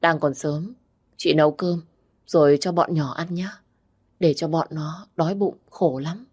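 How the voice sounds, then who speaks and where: A woman voicing a fierce, sharp-tongued young village woman who scolds bluntly. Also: low-pitched, fairly even intonation, measured pace, slightly rough. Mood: firm caring.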